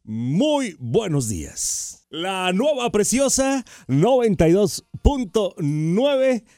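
A man hosting a morning radio show, with energetic, sing-song announcing. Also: high voice, takes it slowly, no room sound, studio quality. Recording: radio broadcast with music behind.

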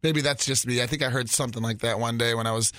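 A man's voice: mid-range voice, steady tone, fast, bright, forceful tone, no echo, studio quality. A man, a comedy club MC, chatting casually on a radio show, rambling and correcting himself. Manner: rambling, hesitant, self-correcting.

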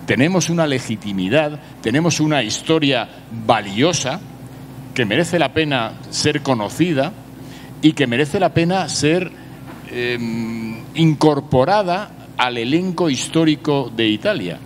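A man's voice: medium pitch, expressive, unhurried, slight background noise. A man with an accent from Spain thinks aloud in a panel discussion, tentatively rewording his questions. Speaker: discussion participant.

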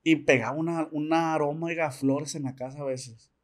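A man's voice: on the high side, brisk. A man with a Mexican accent, a podcast guest telling a story in casual slang and acting out the dialogue. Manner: slangy, animated, acts out quoted dialogue.

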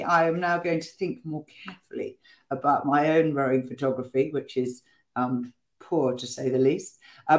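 A podcast host leading a casual interview in a friendly, chatty way, stumbling over words now and then. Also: mid-range voice.

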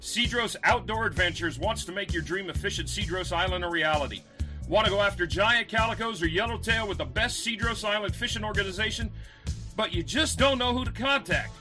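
A man announces a radio advert in a high, bright voice. He reads scripted copy straight to the listeners, with light music underneath. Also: a little fast.

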